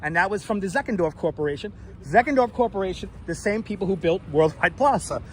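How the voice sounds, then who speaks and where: High-pitched Brooklyn man streaming from the street. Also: lively intonation, fast talker. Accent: Brooklyn New York. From New York City. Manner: repeats phrases, blunt, salty language. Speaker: live streamer and host. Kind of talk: casual street livestream chat. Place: outdoors on a Manhattan street. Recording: outdoor city street, clear traffic noise.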